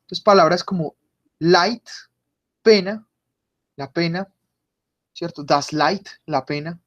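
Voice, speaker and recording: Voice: mid-range voice, takes it slowly, dull audio. A teacher, patiently explaining German pronunciation in an online class and repeating words for the students. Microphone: computer mic on a video call.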